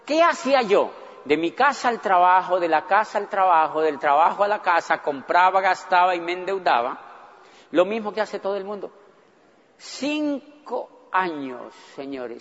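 High-pitched man, animated storyteller, echoey hall, dull sound. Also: fairly quick. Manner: animated, acts out his own past thoughts. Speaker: motivational speaker. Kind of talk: storytelling talk to an audience.

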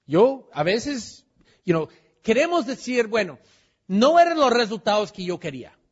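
High-voiced man giving a motivational talk. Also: sing-song, unhurried, breathy edge. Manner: keeps asking the audience questions; drops English fillers into the talk. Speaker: motivational speaker at a business meeting. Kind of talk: motivational talk to a live audience. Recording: dull lo-fi recording.

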